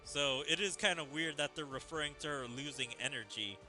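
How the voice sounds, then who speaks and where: A man with a fairly high, sharp-toned voice speaks briskly, offering casual commentary while playing through a story game with its music behind him. He is a gaming streamer who reads the story dialogue aloud.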